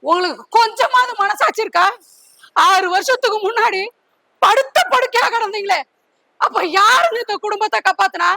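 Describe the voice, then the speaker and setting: A woman's voice: very high voice, moderate pace, creaky, no echo, exaggerated voice, low-quality recording. An actress playing a middle-aged mother who scolds her family through tears, defending her transgender child. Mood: scolding, tearful. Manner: scolding while crying and shouting. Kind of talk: family drama acting.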